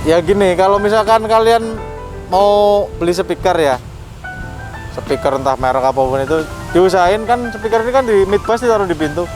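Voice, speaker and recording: A man gives casual, practical explanations in an informal way. Music plays clearly behind him. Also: high voice, normal speed, poor audio. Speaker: car audio expert giving tips. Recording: loud music under the talk.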